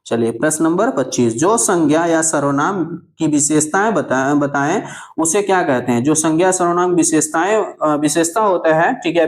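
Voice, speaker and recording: Male teacher quizzing, then answering himself. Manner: asks each question aloud, then drops low to give the answer; repeats answers and fills with "theek hai". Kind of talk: exam answer walkthrough lesson.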